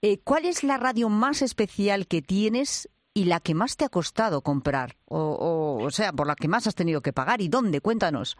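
A man's voice: high-pitched, expressive, moderate pace, hardly any pauses, no room sound, clean studio sound. A man interviewing a guest, asking eager, prompting questions and thinking aloud as he goes. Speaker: radio interviewer.

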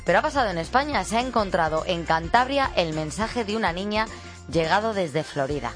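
A woman's voice: medium pitch, animated, a little fast, soft background music. A woman with a Castilian Spanish accent chatting casually as a radio co-host.

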